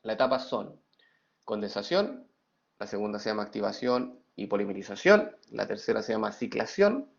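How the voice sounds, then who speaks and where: A middle-aged man teaching an online class playfully reads students' chat messages aloud before moving into a lecture. His fairly low, gravelly voice is very animated at a normal speed, and the recording sounds dull and lo-fi.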